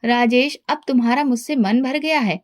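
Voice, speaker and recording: A touchy young wife and mother answers in short, sulky lines in a storybook reading, as a woman reads her in her own high voice. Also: normal speed, lightly acted. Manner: sulky and curt.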